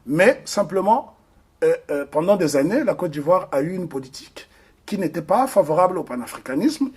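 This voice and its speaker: Husky and sing-song, his high voice moves at a normal speed. The man, from the Republic of the Congo, takes part in an interview discussion as a guest, speaking with earnest emphasis and often hesitating.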